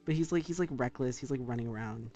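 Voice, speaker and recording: A man talking casually and with some swearing as a streamer who draws live, rambling in an animated way. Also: medium pitch, quick pace, faint music behind. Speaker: streamer drawing art live. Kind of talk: casual livestream chat while drawing.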